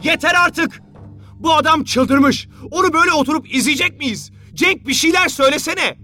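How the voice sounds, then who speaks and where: A man voicing a panicked young man shouting in outrage at his friends. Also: extremely high pitch, normal speed, soft background music, voice pushed up, heavily acted. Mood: outraged. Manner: shouting, frantic.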